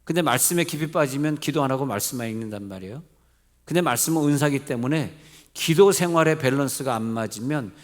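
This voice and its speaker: A middle-aged male pastor with a Seoul accent, preaching a midweek church sermon in a conversational way, asking his congregation questions and joking lightly. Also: fairly high pitch. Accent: Seoul Korean. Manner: mixes polite and plain speech, jokes lightly. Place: church sanctuary.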